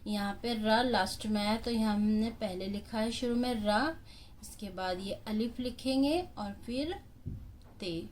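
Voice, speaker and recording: A woman's voice: mid-range voice, a little mellow. Patient lady teacher explaining to little kids, takes her time, bit of background noise. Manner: patient, spells out letters slowly. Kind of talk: children's lesson explanation.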